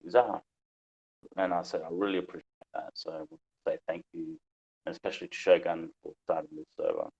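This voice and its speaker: A man's voice: sits low, flat delivery, a little fast, gravelly, a little mellow, breathy edge. A man speaking earnestly and a little hesitantly on a casual discussion podcast. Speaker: podcast panelist. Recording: dull lo-fi mic.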